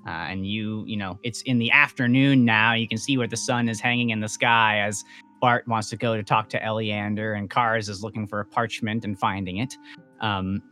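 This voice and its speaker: A man's voice: on the low side, fairly even intonation, moderate pace, sharp tone, soft background music. A man running a tabletop game as game master, narrating casually with many fillers and restarts.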